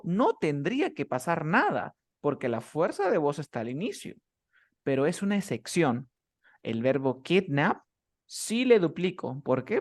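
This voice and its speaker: A man teaching English grammar in a one-on-one class, explaining rules step by step and checking often that his student follows. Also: on the high side. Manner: patient, keeps checking understanding with short questions.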